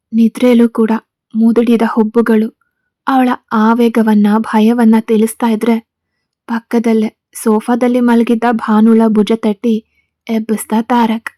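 A woman narrating a serial story in a calm, even storytelling voice. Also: on the high side, no echo.

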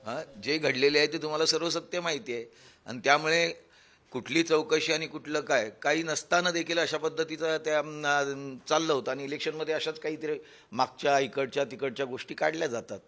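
Slow, deliberate candidate. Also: male voice, a little high, steady tone, bright, forceful tone. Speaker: interviewed candidate. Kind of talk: news interview answers.

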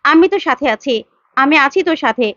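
Woman doing an earnest loyal young man, high voice, dry, slightly dull. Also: expressive, moderate pace, bright, forceful tone, no room sound.

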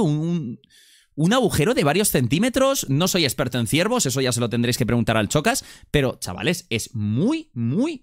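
A young man with a Spain Spanish accent reacting live on a stream, excitable and slangy, repeating words in bursts. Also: medium pitch, dry recording, clean studio sound.

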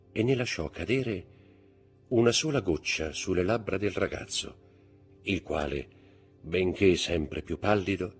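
A man narrates a classic novel in a low, husky voice, with a steady dramatic pull. Faint music plays softly underneath the reading. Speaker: audiobook narrator.

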